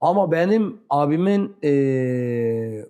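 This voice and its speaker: A man with a fairly high, soft-toned voice recounts his memories in an interview. His Turkish is broken and carries a southeastern accent. He halts, repeats phrases and acts out bits of dialogue as he goes. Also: animated, takes it slowly, smooth. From rural southeastern Turkey. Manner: broken, non-fluent Turkish. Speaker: interview guest. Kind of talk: animated personal storytelling.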